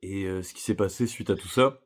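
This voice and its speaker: A man's voice: deep voice, fairly quick. Slangy man telling a story. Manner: slangy, chatty, addresses listener directly. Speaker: vlogger. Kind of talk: casual storytelling to camera.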